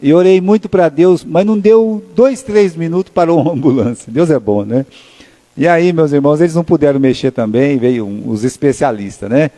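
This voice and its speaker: A male pastor with a Brazilian Portuguese accent preaching a sermon in a chatty, storytelling manner, often tagging questions onto his sentences and slowing down to read scripture. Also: a little high, warm tone. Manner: conversational storytelling, frequent tag questions, slows to read scripture. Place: church sanctuary. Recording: long church reverb.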